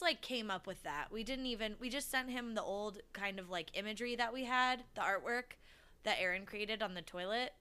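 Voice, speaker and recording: A woman's voice: fairly low pitch, bright, forceful tone, smooth. A woman co-hosting a podcast in casual, teasing chat full of slang and swearing. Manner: teasing, slangy, profanity-laced. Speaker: podcast co-host.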